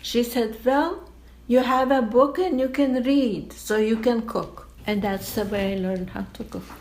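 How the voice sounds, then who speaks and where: In this oral history interview, a native Lithuanian speaker, an older woman from Lithuania, takes her time explaining in a deliberate, patient manner. Her voice is slightly high and a bit mellow.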